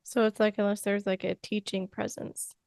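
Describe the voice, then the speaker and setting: A woman co-hosting a faith podcast, chiming in with quick supportive remarks and finishing her partner's thoughts. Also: medium pitch, level tone, gravelly, darkish tone, no room sound, studio quality. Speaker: podcast co-host. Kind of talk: casual faith podcast chat.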